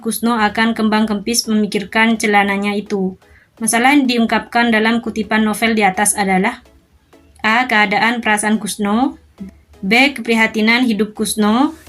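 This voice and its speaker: A woman reading school exam questions and their answers aloud in a steady, methodical way. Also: mid-range voice.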